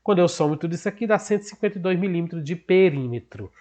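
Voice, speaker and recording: A man's voice: high-pitched, lively intonation, racing, darkish tone. A man with a northeastern Brazilian accent, a teacher explaining a math lesson patiently, asking and answering his own questions. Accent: Brazilian Portuguese, northeastern.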